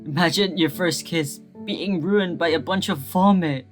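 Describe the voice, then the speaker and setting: A woman voicing a crude, girl-crazy teenage boy devil hunter in a comedic fan dub, with loud, goofy outbursts. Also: fairly low pitch, measured pace, soft background music, natural voice. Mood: flustered. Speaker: fan voice actor.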